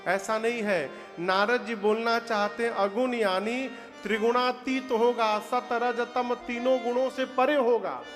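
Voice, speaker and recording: A man's voice: extremely high pitch, steady tone, measured pace, few pauses, a bit bright. A male preacher with an eastern Uttar Pradesh accent tells a devotional story in sermon style, sings verses, and calls on the audience to answer aloud. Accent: eastern Uttar Pradesh (Purvanchal) Hindi. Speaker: Ram katha preacher. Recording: long hall reverb with devotional music behind.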